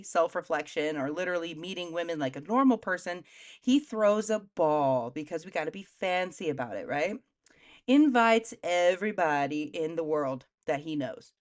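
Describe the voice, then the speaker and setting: A woman retelling a fairy tale as sarcastic comedy, casual and slangy, with quick asides. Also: on the low side. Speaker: comedic storyteller.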